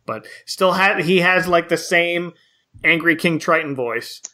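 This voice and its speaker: A man's voice: fairly high pitch, a little slow, a crowd in the background. A man co-hosting a podcast, casually recapping a film in a wry, joking way. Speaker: podcast co-host.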